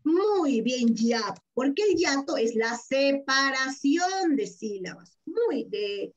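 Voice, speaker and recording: With a high-pitched, very animated voice, this Peruvian woman takes things slowly while teaching a primary class online. Her Peruvian Spanish accent comes through dull, lo-fi video call audio as she patiently and affectionately repeats key words and asks questions to draw out answers.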